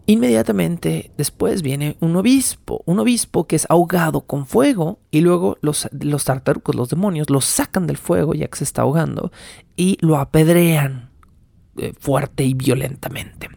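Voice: medium pitch, moderate pace, gravelly, mellow, dry recording, clean studio sound. A speaker giving a casual, wry, digressive lecture that retells an old text and keeps explaining asides.

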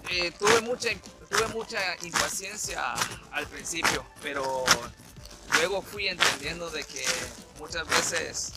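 A man from Guatemala, a guest on a podcast, answering questions in a measured, somewhat formal way outdoors in the snow. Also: fairly high pitch, creaky, over loud music. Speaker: guest, temporary worker. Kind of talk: interview answers.

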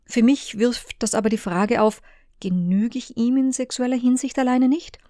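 A woman reading the messages of a conflicted woman, in a hushed, partly whispered delivery. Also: on the high side, steady tone, moderate pace, no room sound, clean studio sound, voice pushed up, close to an everyday voice. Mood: tense. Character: Ines, a torn woman, former lover.

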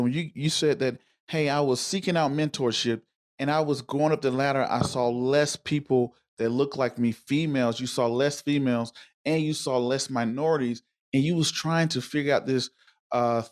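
A man's voice: mid-range voice, moderate pace. A man hosting a casual live interview, talking in an informal, wordy and rambling way. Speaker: interviewer and host.

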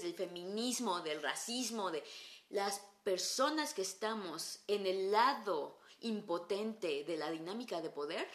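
A woman with a Mexican accent, an English teacher, talking in a casual, animated conversation and swearing freely with slang. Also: medium pitch, echoey room.

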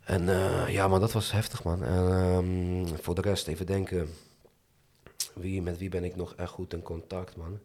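A young man with a low voice talks candidly in an interview. His speech is full of urban Dutch street slang, loose and conversational. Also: little pitch movement, measured pace, a little mellow, slight background noise. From moved to the Netherlands from abroad as a child. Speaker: interview guest. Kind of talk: casual, candid interview chat.

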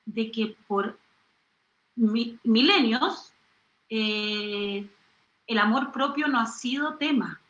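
A middle-aged Chilean woman in a studio interview, animated, exclaiming and acting out little voices as she talks. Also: a little high, echoey room, poor audio. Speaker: singer and comedian guest.

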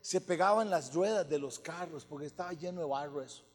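Pastor guy preaching, high voice, goes from loud to almost whispering, big echoey church hall. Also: brisk. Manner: swings between loud preaching and hushed near-whispers. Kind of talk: sermon. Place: church auditorium.

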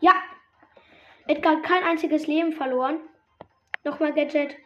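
A high-pitched woman narrates her game as she plays, exclaiming and groaning at every turn. Her voice comes through a slightly dull, lo-fi mic. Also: moderate pace, faint music behind. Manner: excitable, reacts loudly to the game. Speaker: gamer. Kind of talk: gameplay commentary.

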